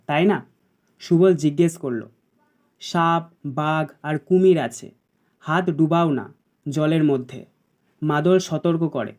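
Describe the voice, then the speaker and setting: West Bengal teacher voice, unhurried and mellow, reads out test answers for kids. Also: mid-range voice. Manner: reads each English line, then explains it in Bengali. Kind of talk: slow read-aloud exam lesson.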